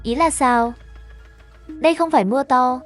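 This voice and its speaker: Over faint background music, a woman with a high-pitched voice reads a scripted horror animation tale at a moderate pace, giving voice to the characters' lines herself.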